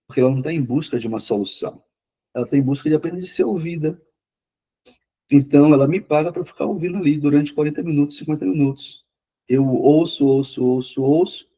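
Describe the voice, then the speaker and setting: A man giving a classroom lecture on therapy, talking quickly and repeating words for emphasis. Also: medium pitch, dark tone, slightly rough. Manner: says himself he talks fast. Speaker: lecturer on mental health therapy.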